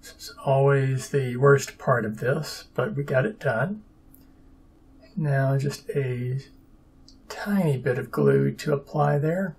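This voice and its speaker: Slow husky man narrating a craft build. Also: mid-range voice. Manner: dry sarcastic, self-deprecating asides. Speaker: papercraft hobbyist.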